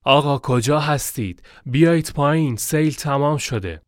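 A man's voice: fairly low pitch, no echo, studio quality, natural voice. A male storyteller voicing a carefree grown man who guides a desert caravan and respectfully calls the narrator sir. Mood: urgent.

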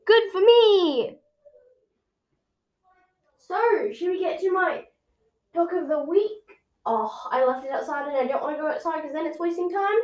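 A woman's voice: sits high, expressive, a little fast. A woman hosting a casual home podcast, rambling and correcting herself as she goes. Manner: rambling, chatty, with frequent self-corrections. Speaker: podcast host. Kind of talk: casual solo podcast chat. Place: home room.

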